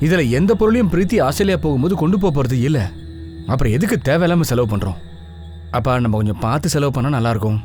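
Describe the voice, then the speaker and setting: A man's voice: fairly high pitch, quick pace, faint music behind, natural voice. An actor playing a thrifty young man who protects his sister, in a dubbed TV crime drama. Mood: worried. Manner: lively, argumentative. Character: protective elder brother, thrifty son.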